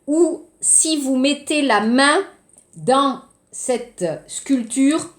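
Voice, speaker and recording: A woman teaching French in a recorded lesson, going slowly and explaining word by word. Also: sits high, roomy sound.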